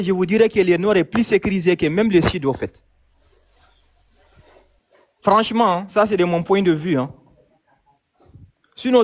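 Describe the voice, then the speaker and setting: Insistent high-voiced Malian man. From Mali. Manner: insistent, repeats himself, many hesitations. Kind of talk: casual chat, phone-in debate.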